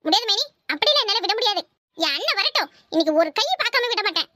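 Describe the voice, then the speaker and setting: With a Kanyakumari Tamil accent, a woman voices a cartoon's scheming, bossy young married woman. The delivery is very high-pitched, sing-song, sharp in tone, and exaggerated, with no echo, as she scolds and chatters quickly.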